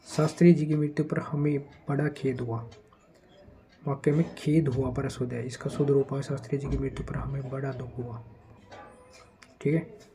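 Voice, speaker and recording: A man gives a conversational exam-prep grammar lesson, reading test sentences slowly and speeding up to warn about common traps. His medium-pitched voice is mellow with little pitch movement, and the recording is rough.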